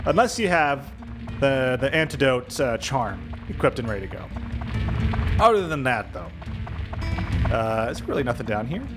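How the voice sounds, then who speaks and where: A video game streamer doing a let's play gives casual commentary in a mid-range, sing-song voice at normal speed, thinking aloud and musing indecisively as he weighs his options, with long pauses. Video game music plays in the background.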